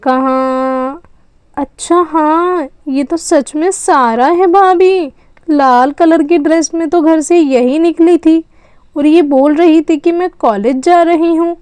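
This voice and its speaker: High-voiced woman narrating a doll story. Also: measured pace, darkish tone, dry recording.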